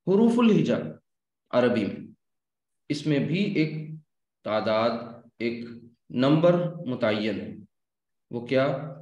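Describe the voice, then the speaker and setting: A man teaching an Arabic language class, explaining slowly and asking his students questions. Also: fairly high pitch, a little mellow. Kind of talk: classroom lecture. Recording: echoey room.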